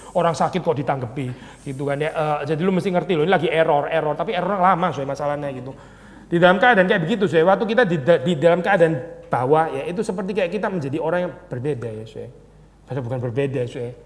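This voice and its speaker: A man, a pastor, teaching a Bible study in a conversational way, often asking his listeners rhetorical questions and slowly reading out quotations. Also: fairly high pitch. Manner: reads English quotations slowly. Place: church hall. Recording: long hall reverb.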